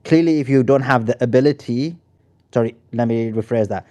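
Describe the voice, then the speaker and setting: A man hosting an online audio debate in a mid-range voice. He speaks firmly and deliberately, calling on speakers and setting rules. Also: medium pitch, mellow. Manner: firm, measured and reproving. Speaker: host.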